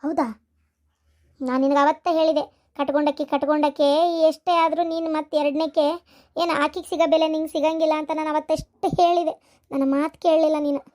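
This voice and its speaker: A woman's voice: high voice, level tone, fairly quick, close to an everyday voice. Woman voicing an indignant cartoon elder sister. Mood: scolding. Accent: North Karnataka Kannada. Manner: scolding, forceful.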